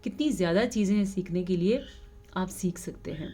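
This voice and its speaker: A woman with a Pakistani Urdu accent teaching tajweed, patiently explaining each rule step by step and slowly drawing out the recited words. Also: on the low side, warm tone.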